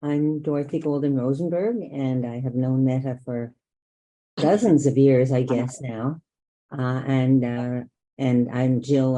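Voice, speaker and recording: A woman activist introducing herself, rambling with pauses and fillers. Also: a bass voice, warm tone. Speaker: activist guest.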